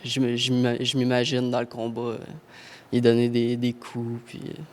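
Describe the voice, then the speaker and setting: A man, an amateur boxer answering simply and haltingly. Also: mid-range voice, completely flat delivery.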